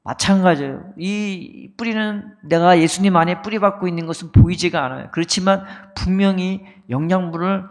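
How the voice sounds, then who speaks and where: A man's voice: high-pitched, moderate pace, hardly any pauses. A male pastor preaching an early-morning sermon with emphatic, repeated phrases and a rising and falling delivery. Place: church sanctuary. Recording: long reverb of a church hall.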